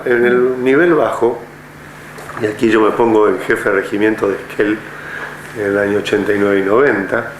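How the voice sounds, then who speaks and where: An older man from Argentina, a retired army general, speaking measuredly in an oral history interview with many hesitant fillers. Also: lowish voice. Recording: echoey room with faint noise.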